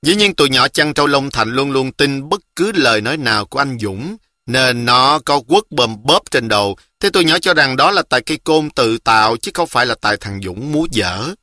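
Bright male storyteller. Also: mid-range voice, lively intonation, moderate pace, few pauses, no room sound, studio quality. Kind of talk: reading a children's novel aloud.

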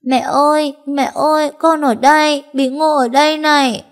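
A tiny, frightened little girl, as a woman puts her on, whimpering and pleading in a thin, high storybook voice that climbs far above the narrator's own. She sounds small and clingy, her words breaking with sobs. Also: fairly even intonation, normal speed, natural voice. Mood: crying, pleading.

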